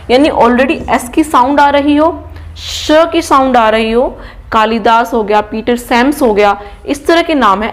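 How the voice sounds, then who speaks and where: A woman English trainer with a slightly high voice, teaching grammar step by step. She asks the class questions and answers them herself. She checks after almost every point that everyone is following. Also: slight background noise. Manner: explains step by step and keeps checking with "ठीक है?".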